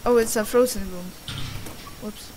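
A woman's voice: medium pitch, steady tone, measured pace, darkish tone, slight background noise. A young woman doing casual gameplay commentary in a rambling, sweary, self-deprecating way. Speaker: gaming video host. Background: game music.

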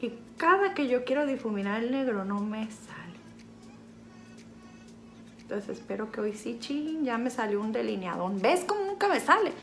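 A woman's voice: on the high side, sing-song, normal speed, a bit bright, soft background music. A woman from Sinaloa, Mexico, with a Sinaloan Mexican accent, chatting playfully through a makeup tutorial, teasing and joking about herself as she goes. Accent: Mexican Spanish (Sinaloa). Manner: playful, teasing, self-mocking, talks to an off-camera helper. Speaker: vlogger. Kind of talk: casual makeup tutorial chat.

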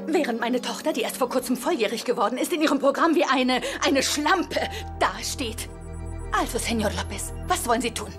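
A woman's voice: high voice, animated, brisk, music in the background. A woman dubbing an angry mother who insists on speaking with her daughter. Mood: indignant. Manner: indignant, insistent. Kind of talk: dubbed telenovela.

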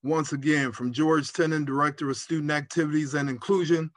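A man's voice: a little high, fairly even intonation, a little fast, fairly bright tone. A man in his fifties, a college activities director, giving an emphatic, casual motivational message over a webcam.

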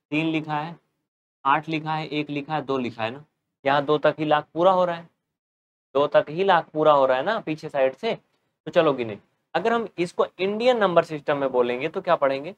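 A man's voice: fairly high pitch, moderate pace, highs cut off. A man giving a step-by-step maths lesson at a board, asking his students questions and answering them himself. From North India. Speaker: teacher.

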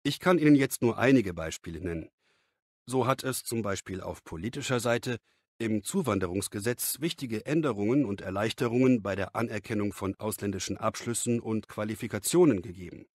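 A man reading the part of an expert being interviewed in a scripted lesson dialogue, measured and explanatory. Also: lowish voice, dry recording, studio quality.

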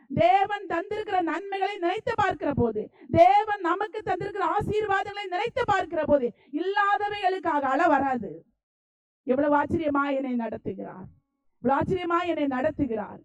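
A woman's voice: very high-pitched, rough recording. A woman preacher from Tamil Nadu with a Tamil Nadu accent, delivering a fervent sermon and repeating phrases for emphasis.

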